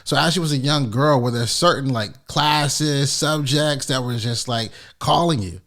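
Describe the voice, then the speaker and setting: A man's voice: medium pitch, unhurried, a bit bright. A man hosting a podcast, talking in a casual, hyped-up, encouraging way. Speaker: podcast host. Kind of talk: podcast interview.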